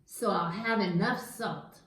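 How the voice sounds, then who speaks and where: A woman's voice: mid-range voice, slow, fairly bright tone. A woman voicing a naive, snack-loving male puppet in a church skit, earnest and literal-minded. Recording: echoey room.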